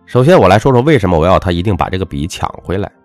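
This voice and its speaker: Low voiced guy lecturing, really punchy and swingy, dry close sound, soft music behind. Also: very animated, rapid-fire, no echo. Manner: emphatic, lecturing, swings between punchy highs and dropped low endings. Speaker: self-help speaker. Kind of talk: motivational monologue with personal anecdote.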